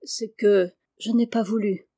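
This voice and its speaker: A woman's voice: medium pitch, fairly even intonation, unhurried, dark tone, no echo, studio quality, close to an everyday voice. A woman reading aloud speaks as a modest, reserved young shepherd.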